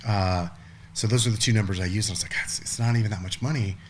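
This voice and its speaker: This fairly low-pitched male podcast guest, in his forties, speaks very fast over a faint hiss or hum. His casual conversation wanders, full of restarts and the occasional curse.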